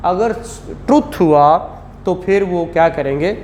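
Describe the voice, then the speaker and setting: An animated, high-pitched man with a darkish tone and a Pakistani accent teaches law a little slowly in an indoor classroom. He lectures didactically, raising rhetorical questions and repeating key phrases, with echo and faint noise in the recording.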